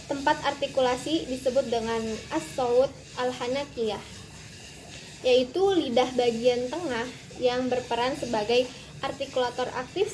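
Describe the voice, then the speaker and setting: A woman's voice: on the high side, a little mellow, a little hiss or hum, poor audio. A young woman from Indonesia giving a recorded class presentation, explaining carefully with frequent hesitations. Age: young adult. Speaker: student presenter.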